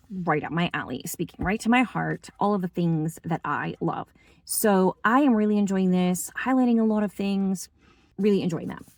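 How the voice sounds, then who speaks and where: A woman's voice: mid-range voice, dry recording. Woman, book vlogger, casual, enthusiastic, chatty, dry close sound. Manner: enthusiastic, chatty, lots of fillers.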